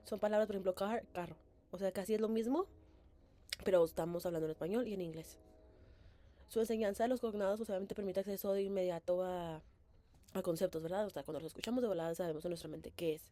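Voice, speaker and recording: A woman's voice: mid-range voice, fast, mellow. A young woman recaps what she learned in a class presentation. She hesitates, corrects herself often and keeps tagging her sentences with a questioning "right?". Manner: hesitant, many fillers and self-corrections. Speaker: bilingual education student presenting.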